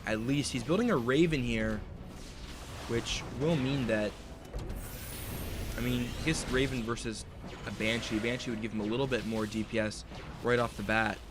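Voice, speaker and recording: A man's voice: mid-range voice, steady tone, moderate pace, pauses often, noisy background. A young man giving play-by-play commentary on a strategy game, speculating on each move as it happens. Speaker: esports caster.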